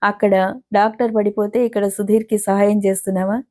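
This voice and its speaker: A man's voice: high-pitched, little pitch movement, fairly quick, darkish tone, natural voice. A woman voicing a jealous, angry young man who scolds and sneers, in a storybook reading. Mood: accusing. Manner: bitter, accusing, sneering.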